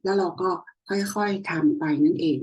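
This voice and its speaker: A young woman tutoring a language lesson over a screen share, explaining slowly and often checking in with her listener. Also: medium pitch, darkish tone, breathy edge, low-quality recording. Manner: slow, explanatory, frequent checking questions.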